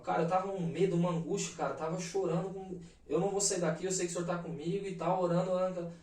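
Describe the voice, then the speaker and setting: A Brazilian man in his thirties, a podcast guest, telling a personal story in an animated, emphatic way full of slang fillers. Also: high voice, fast talker. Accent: Brazilian Portuguese. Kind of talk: casual storytelling. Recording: roomy echo, mic at a distance.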